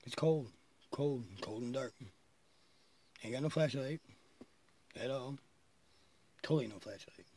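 A man's voice: medium pitch, unhurried, pauses often, darkish tone, slight background noise. A man telling a long rambling story, swearing often and laughing between phrases.

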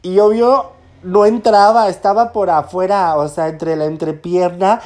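A man casually telling an anecdote, lively, acting out the voices he quotes. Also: high-pitched, a little slow. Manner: lively, laughs often while telling. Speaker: storyteller guest.

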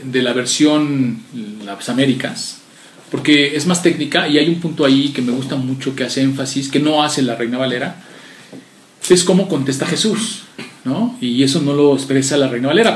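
A man's voice: medium pitch, roomy sound, far from the mic, a little hiss or hum. A man preaching a sermon and explaining a Bible passage, acting out its dialogue with rising emphasis. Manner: animated, acts out biblical dialogue with rising emphasis.

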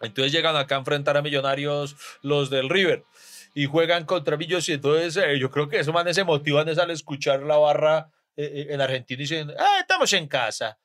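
A man, a podcast guest chatting casually, animated and quick to laugh and tease. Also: fairly high pitch, faint music behind. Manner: animated, laughs easily, teasing. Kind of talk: casual chat.

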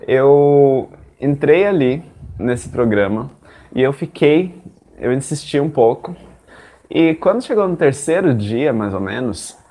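A man's voice: on the high side, a little mellow. A young Brazilian man teaching English in casual chat, talking straight to his listeners and acting out his own past thoughts.

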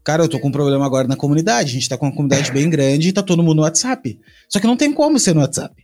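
A man's voice: fairly high pitch, expressive, rapid-fire, a little mellow, faint music behind. A man chatting casually, rambling with slang, restarts and fillers. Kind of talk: casual chat.

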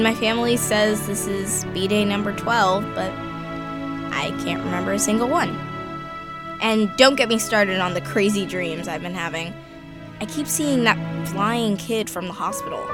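Woman as twelve-year-old girl, audio drama, wry, hesitant, chatty confiding delivery, loud music underneath. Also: mid-range voice, natural voice. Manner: chatty, self-conscious, wry. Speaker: lead character and narrator. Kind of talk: audio drama acting, confiding recorded diary.

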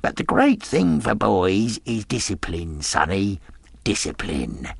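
A man's voice: fairly low pitch, sing-song, takes it slowly, vocal fry, slightly rough, no room sound, clean studio sound, heavily acted. A man voicing a sinister middle-aged pirate who talks in a half-fawning, half-sneering drawl. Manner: leering, wheedling drawl.

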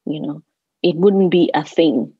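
Husky Kenyan woman, roomy sound. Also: deep voice, a little slow, mellow. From Kenya, grew up in Nairobi. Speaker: interview guest, landscape designer. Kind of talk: reflective conversational interview. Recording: roomy, slightly dull lo-fi audio.

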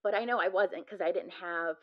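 A woman's voice: fairly low pitch, fairly quick. A woman, a labor and delivery nurse, telling a personal story in a frank, earnest conversational way, often filling with "like". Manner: earnest, frank, heavy use of "like" as filler. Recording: dull, lo-fi recording.

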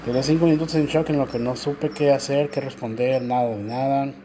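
A man's voice: medium pitch, steady tone, a little fast, warm tone, a little hiss or hum. Mexican man telling a personal story. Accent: Mexican Spanish. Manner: candid, emotional storytelling with slang. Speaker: co-host. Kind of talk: casual chat.

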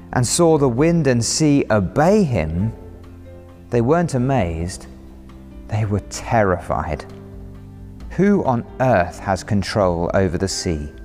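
Casting: male preacher, unhurried storyteller, mid-range voice, echoing church hall. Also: medium pitch, darkish tone. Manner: storytelling, vivid dramatic retelling. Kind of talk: sermon. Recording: reverberant hall, faint music.

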